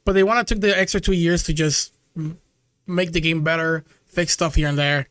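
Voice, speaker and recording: Young male streamer with a high, light voice and a dry, close sound, chatting loosely with chat. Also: fairly even intonation, moderate pace, fairly bright tone, clear, resonant tone, no echo. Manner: chatty, loose, calls the audience "dude" and "chat". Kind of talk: casual live-stream reaction chat.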